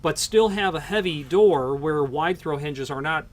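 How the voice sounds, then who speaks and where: Speaking slightly slowly in a rather high voice, a man who presents hardware products explains door hardware unscripted. He rambles in loose sentences, restarting often and leaning on fillers.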